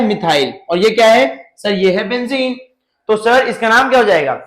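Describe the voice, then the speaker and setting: A male chemistry teacher giving a lively lecture, asking his students questions and answering them himself, with jokes along the way. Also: high voice, reverberant, poor audio.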